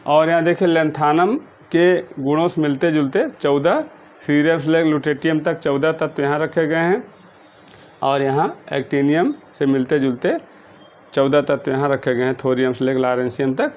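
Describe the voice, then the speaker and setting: A man teaches chemistry in a patient, repetitive way, at times chanting memory syllables in a slow sing-song. His voice sits a little high for a man. The recording is dull and lo-fi. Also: a little mellow. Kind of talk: blackboard-style lesson explanation.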